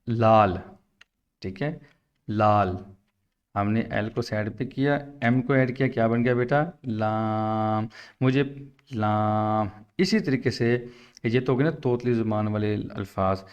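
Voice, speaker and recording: A man's voice: medium pitch, dull audio. Patient male Quran teacher explaining shapes. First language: Urdu. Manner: explains patiently, drawn-out syllables when spelling. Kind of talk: instructional talk to teachers.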